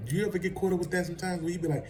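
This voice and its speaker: A man's voice: sits high, steady tone, racing, a little mellow, slight background noise, poor audio. Rambling man chatting about gossip. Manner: rambling and conversational, laughs at his own asides. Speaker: vlogger. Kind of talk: casual celebrity gossip commentary.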